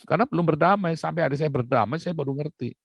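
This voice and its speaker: A middle-aged man preaching a sermon, telling family stories with animated rises and soft low asides. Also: fast, gravelly, no room sound. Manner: animated storytelling, rising loud when recounting fights.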